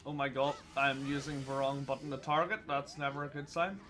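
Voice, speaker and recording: A man's voice: medium pitch, flat delivery, fairly quick, a bit bright, soft background music. Chatty man playing a game. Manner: chatty, self-mocking, laughs a lot. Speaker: gaming channel host. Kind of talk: casual let's-play commentary.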